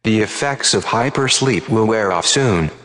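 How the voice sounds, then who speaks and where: A man voicing a soft, clinical computer voice that speaks slowly from far overhead. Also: fairly low pitch, lively intonation, long reverb tail.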